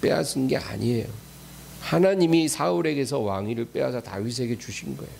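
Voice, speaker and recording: A man's voice: mid-range voice, fairly quick, vocal fry, darkish tone, a little hiss or hum. A middle-aged male pastor preaching a sermon in a colloquial, emphatic way, repeating key lines for weight.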